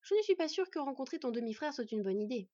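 A woman's voice: sits high, sing-song, quick pace, dark tone, dry recording, highs cut off, voice pushed up. A woman playing a cautious she-wolf guardian. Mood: careful. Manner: careful, hesitant. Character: protective she-wolf in human form, hesitant.

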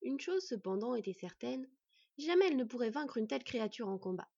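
A woman narrating a fantasy story in a measured storytelling way. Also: fairly high pitch, sing-song, creaky, mellow, breathy edge, dry recording. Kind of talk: scripted narration. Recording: dry, slightly dull recording.

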